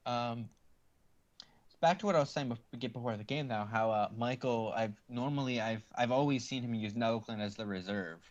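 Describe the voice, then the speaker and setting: A man commentating a card game stream, explaining plays in a measured, slightly hesitant way. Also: medium pitch, muffled recording.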